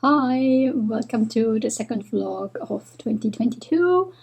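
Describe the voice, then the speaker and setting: A woman with a cold gives a casual reading vlog from her room at home, her voice husky and mellow and sitting fairly high. She talks haltingly, with plenty of fillers, as she chats through her sore throat. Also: lively intonation. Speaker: book vlogger. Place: home room with bookshelves, indoors.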